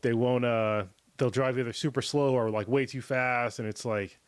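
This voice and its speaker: A man's voice: medium pitch, fairly even intonation, moderate pace, clean tone, dry recording. A man hosting a podcast, rambling casually and laughing often, slightly under the weather. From California. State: getting over being a little sick. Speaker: podcast host. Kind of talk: casual chat.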